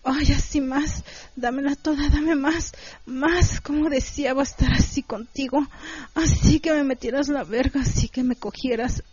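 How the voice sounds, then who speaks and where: A woman's voice: slow, dry recording. A woman voicing a breathless pleading young lover. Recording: dull, dry close recording.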